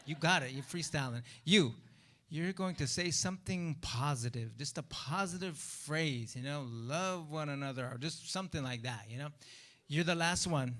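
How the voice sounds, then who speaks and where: A man's voice: a little high, normal speed. A man performing live on stage, encouraging the crowd as he mixes banter with singing over music. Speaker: live performer leading audience volunteers. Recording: live show with loud music. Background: loud looped music.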